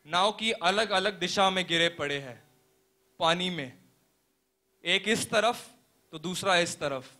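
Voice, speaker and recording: A young man playing a pastor in a stage play, telling a parable as a sermon in a slow, earnest preaching manner with deliberate pauses. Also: sits high, bright, forceful tone, heavily acted. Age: young adult.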